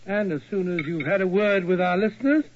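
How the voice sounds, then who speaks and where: An actor playing a bluff, amiable older English doctor with an English accent and a blustery, muttering manner, in a 1940s radio drama. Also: male voice, high-pitched, brisk. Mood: genial. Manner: blustery, muttering, puzzled interjections. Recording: muffled vintage radio recording.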